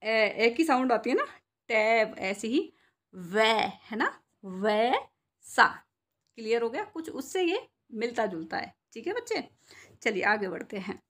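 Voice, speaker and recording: A woman teaching a Hindi reading lesson to young children, slowly sounding out syllables and asking and answering her own questions. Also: fairly high pitch, big pitch swings. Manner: slow, drawn-out syllables when sounding out words.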